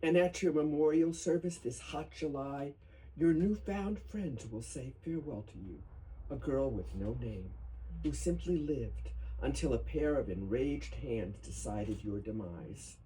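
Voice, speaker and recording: A man giving a solemn poetry reading at a memorial, with deliberate, emphatic phrasing. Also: mid-range voice, expressive, dark tone. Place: bookstore reading event before a small audience. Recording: noisy live room recording.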